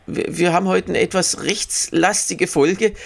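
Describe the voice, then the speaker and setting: A man's voice: sits high, fairly even intonation, measured pace, vocal fry. A man co-hosting a casual podcast chat, dry and ironic, often laughing between his points. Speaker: podcast co-host.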